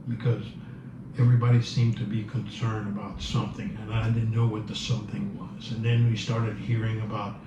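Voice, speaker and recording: A man in his seventies from Cuba, a native Spanish speaker, answering interview questions thoughtfully and searching for his words. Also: lowish voice. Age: 70s. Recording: roomy, distant, dull, noisy.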